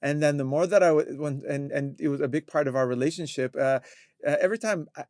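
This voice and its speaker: A man's voice: fairly high pitch, fast, darkish tone, no room sound. Hesitant man from Lebanon, dry sound. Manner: hesitant, stammering restarts. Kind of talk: casual chat.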